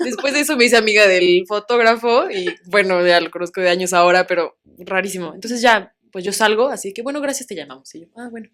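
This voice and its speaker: Young woman, Mexican accent, interview guest, lively storyteller, acts out the quoted voices, mid pitch. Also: a little fast, few pauses. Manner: animated, acts out quoted voices, laughs often.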